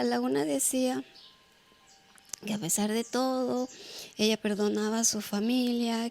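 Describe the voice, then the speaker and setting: Woman, flat higher voice. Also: gravelly. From Ecuador. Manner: halting storytelling, frequent fillers, repeated phrases. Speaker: earthquake survivor. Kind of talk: personal testimony.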